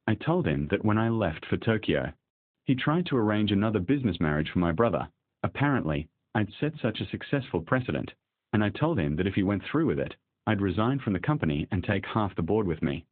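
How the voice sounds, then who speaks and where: A man voicing a young billionaire husband who is opening up after years of holding back, read in a steady, even way. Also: on the low side, a little fast, no echo. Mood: earnest. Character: guarded young billionaire husband turning earnest. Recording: dry, tinny phone-like sound.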